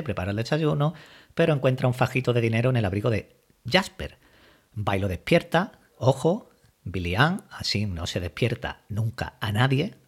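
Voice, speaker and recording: A man from giving a casual, lively recap of a TV episode, loosely acting out the characters' lines as he retells them. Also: medium pitch, slightly rough. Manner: lively retelling, voices quoted dialogue loosely. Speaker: series recap commentator.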